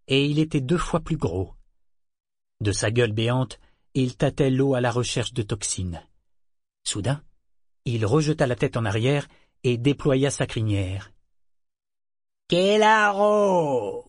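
A man narrating an audiobook in a measured, even storytelling manner. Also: mid-range voice, husky, no room sound, studio quality.

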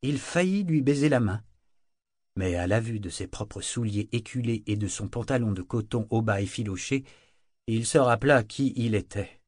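A man's voice: lowish voice, expressive, a little mellow, no echo. Man narrating a novel, dry and close. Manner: measured, dramatic storytelling. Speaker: audiobook narrator. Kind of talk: scripted narration.

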